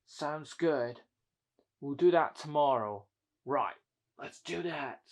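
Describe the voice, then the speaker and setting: A man doing a halting scheming tank engine. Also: fairly high pitch, lively intonation. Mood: plotting. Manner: halting, restarts mid-sentence.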